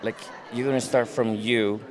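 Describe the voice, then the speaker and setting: In a casual conference interview, a man who grew up speaking Spanish shares his story and voices the people he quotes. He keeps a mid-range, steady tone at a moderate pace, with crowd noise from the busy hall in the background.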